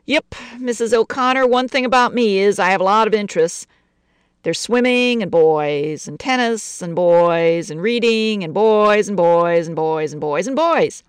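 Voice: medium pitch, measured pace, clean tone, dry recording, voice pushed up, close to an everyday voice. A storyteller voicing a brash, boastful fourteen-year-old girl who snaps her gum. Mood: cocky. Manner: cocky, boastful.

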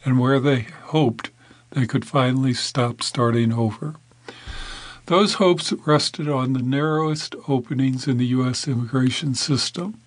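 Male news reader, steady scripted delivery, dry and close, mid-range voice. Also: medium pitch, no echo. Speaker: news narrator.

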